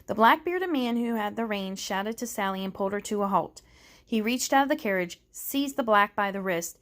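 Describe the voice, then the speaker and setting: A woman reading a novel aloud in steady, measured narration. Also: mid-range voice. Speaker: reader.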